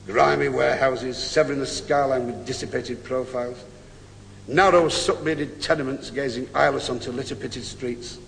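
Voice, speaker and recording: Man telling a gravelly mock-sentimental stand-up story. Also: medium pitch, fairly even intonation, moderate pace. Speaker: comedian. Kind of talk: stand-up comedy monologue. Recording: reverberant live hall, loud noise, audience laughter.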